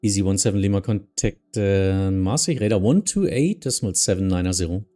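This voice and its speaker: German guy streaming as air traffic controller, dark relaxed voice, bit of music in back. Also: low-pitched, fairly quick. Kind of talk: air traffic control radio phraseology and casual commentary.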